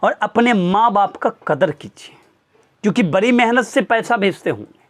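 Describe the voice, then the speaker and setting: A man's voice: high voice, animated, moderate pace. A man, a teacher, earnestly lecturing his students with pointed rhetorical questions. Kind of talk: motivational talk to students.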